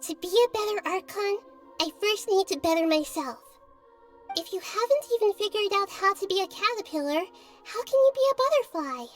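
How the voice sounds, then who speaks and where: A woman voicing a young girl goddess who is gentle, wise and calm, speaking softly and thoughtfully in a game. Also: very high voice, music in the background. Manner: soft, thoughtful, measured.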